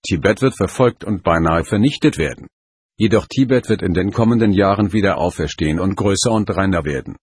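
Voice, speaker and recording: A man voicing an old, wise lama mentor who speaks calmly and gravely. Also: deep voice. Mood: sad. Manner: calm, slow, grave.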